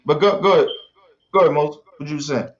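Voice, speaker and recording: A man's voice: fairly high pitch, fast talker. A man hosting a group voice chat. He calls on speakers and cuts in with questions. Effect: group voice chat audio. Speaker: host moderating an online group discussion. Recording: dull lo-fi voice-chat line.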